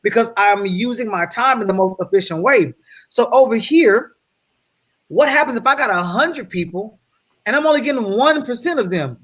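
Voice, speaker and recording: High-voiced man presenting slides. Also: normal speed. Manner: energetic, checks in with "right?" often. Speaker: guest speaker on wealth building. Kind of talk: slide presentation to an online audience. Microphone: video call.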